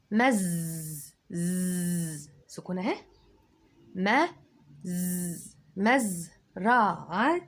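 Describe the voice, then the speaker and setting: A woman's voice: on the low side, breathy edge. A woman with an Egyptian Arabic accent giving a children's dictation lesson, stretching out each syllable as she dictates. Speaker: teacher.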